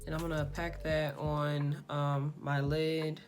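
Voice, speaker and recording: A woman talking casually through a makeup tutorial, rambling with lots of fillers in a fairly monotone way. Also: low voice, takes it slowly. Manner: rambling, filler-heavy, self-described monotone. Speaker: beauty vlogger. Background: background music.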